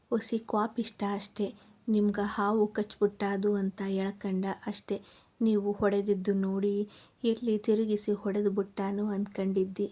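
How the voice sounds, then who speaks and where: A woman reading the part of a kindly older village helper who talks quickly in homely rural dialect. The delivery is mellow and even. It is a simple storybook voice. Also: medium pitch, close to an everyday voice.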